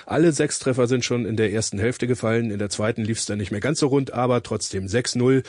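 A man presenting radio sports news in a relaxed, conversational way. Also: medium pitch, fairly quick, no echo, studio quality.

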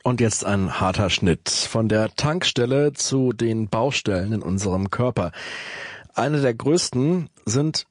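A man presenting scripted radio news in a steady, formal way. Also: medium pitch, a little slow, dry recording, clean studio sound.

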